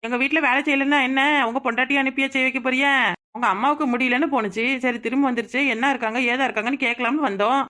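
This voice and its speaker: A woman voicing a touchy younger sister from the village in a cartoon, with a Kanyakumari Tamil accent, quick to retort. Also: high voice, steady tone, sharp tone. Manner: retorting, quick to take offence. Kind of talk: cartoon voice acting.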